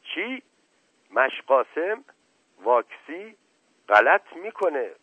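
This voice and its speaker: A man playing a pompous old uncle, flares up, husky, phone-like sound. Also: fairly high pitch, sing-song, no echo, voice pushed up. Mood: outraged. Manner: imperious, bursts of outrage. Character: proud touchy older male nobleman, the uncle. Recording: tinny phone-like radio sound.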